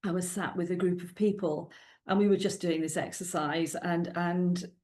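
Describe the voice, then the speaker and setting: With slight background noise, this Welsh-accented author from South Wales talks as an interview guest at a moderate pace, her low voice fairly even in intonation. She's middle-aged, a native Welsh speaker, and comes across warm and chatty, with many ums and frequent laughter.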